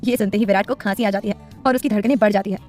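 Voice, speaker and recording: A woman narrating a romantic serial story, reading with expressive voices for the dialogue. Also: medium pitch, racing, soft background music.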